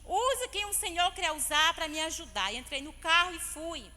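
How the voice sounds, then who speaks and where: A Brazilian woman stands before her church to give a heartfelt testimony, speaking to the congregation as brothers and sisters. Her voice sits high and sounds bright and ringing. A long reverb from the church hall trails after each phrase. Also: lively intonation, normal speed. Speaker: church member giving testimony.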